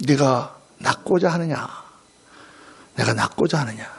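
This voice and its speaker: A pastor acting out Jesus as a calm, solemn teacher who speaks slowly and gravely. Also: male voice, medium pitch, pitched below the performer's own voice, exaggerated voice. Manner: slow, grave, measured.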